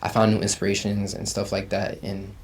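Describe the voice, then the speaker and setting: A man's voice: fairly low pitch, a little fast, vocal fry, slight background noise. A young man in his twenties from Uganda, a rapper chatting casually as an interview guest, full of slang and "you feel me.". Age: 20s. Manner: slangy, relaxed, says "you feel me" often.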